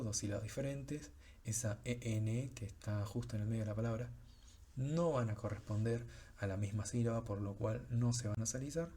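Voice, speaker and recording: Guy teaching a pronunciation class, husky mellow voice, slow and patient, lots of ehs. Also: medium pitch. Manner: patient, explanatory, with frequent fillers. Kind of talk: recorded lecture on French pronunciation.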